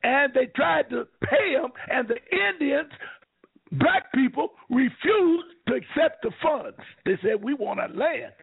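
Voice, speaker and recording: Fiery high-voiced radio host, tinny line. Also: male voice, expressive, measured pace, creaky. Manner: fiery, preachy, swings from shouting to low asides. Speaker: radio talk show host. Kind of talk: call-in radio talk.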